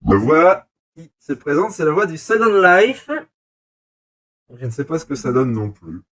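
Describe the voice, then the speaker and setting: A man's voice: on the high side, big pitch swings, measured pace, a bit bright, soft background music. A man demoing a voice changer on a live stream, playful and chatty, his voice run through one filter after another. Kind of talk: casual live-stream product demo. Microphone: computer microphone.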